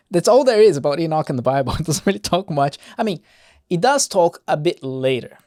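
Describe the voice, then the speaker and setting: A man reads Bible verses in a plain, steady way, then drifts into casual commentary with small chuckles. His pitch moves up and down a lot as he talks. The recording is dry and close, with no room sound. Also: normal speed, dry recording. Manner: hesitant restarts while explaining. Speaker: podcast host reading scripture.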